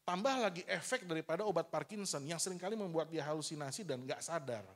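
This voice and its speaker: Man, pastor, candid storytelling sermon, acts out dialogue, fairly high voice. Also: expressive, fast. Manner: candid storytelling, acting out dialogue with his father; addresses the congregation as "saudara".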